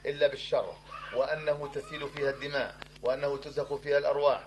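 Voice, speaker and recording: A man's voice: on the high side, flat delivery, racing, slight background noise, poor audio. A man pressing questions in a heated religious discussion, insistent and argumentative, repeating himself to drive his point home.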